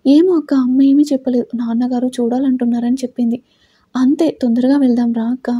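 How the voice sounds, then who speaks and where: A protective young brother, quick to worry and urgent when the news is bad, read by a woman. The voice is dark and a little husky, recorded dry and close. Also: high voice, fairly even intonation, no echo. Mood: alarmed. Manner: urgent, anxious.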